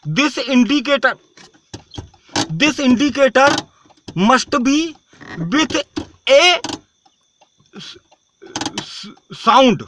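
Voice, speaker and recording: A man with an Indian English accent talks in a strikingly high voice. He rambles and repeats himself in a halting, ranting home video monologue. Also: sing-song, background noise. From Tamil Nadu, India. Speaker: self-styled swami.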